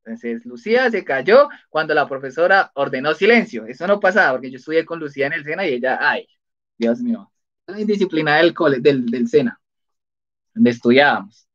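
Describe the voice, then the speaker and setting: On a live stream, a man hosts a casual spelling quiz, chatting and laughing often as he reads out the answers. His voice is on the high side and fairly bright, animated and a little fast. The recording has a dull, lo-fi sound.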